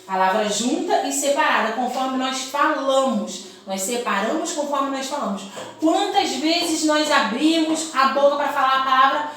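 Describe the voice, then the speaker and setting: A woman's voice: sits high, normal speed, fairly bright tone, distant mic. A woman teaching young children in a recorded lesson, in a sing-song teacherly tone, stretching words out syllable by syllable. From Brazil. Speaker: primary school teacher. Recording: very echoey room, voice set back from the mic.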